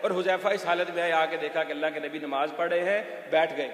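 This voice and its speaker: A man's voice: fairly high pitch, steady tone, fast talker, fairly bright tone. A man with a Pakistani Urdu accent preaching a sermon in a mosque, telling stories with impassioned, emphatic rises. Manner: impassioned, rising to emphatic peaks. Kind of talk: Friday sermon storytelling. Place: mosque hall. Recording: echoey hall reverb.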